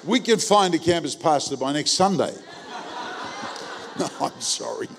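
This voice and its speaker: A man preaching with comic timing, acting out every quote and jumping from quiet asides to shouts. His voice sits high and swings widely in pitch. The sound carries a long reverb from a large auditorium. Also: unhurried, a faint crowd, a little hiss or hum. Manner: animated, comic, acts out quotes with big jumps in loudness. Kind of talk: humorous sermon storytelling.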